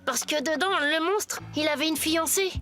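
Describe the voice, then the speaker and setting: A woman's voice: sits high, moderate pace, bright, forceful tone, soft background music. A woman voicing a chatty, cheeky young schoolboy, slangy and eager, in a children's cartoon. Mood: chatty, reassuring. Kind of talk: French children's cartoon dubbing.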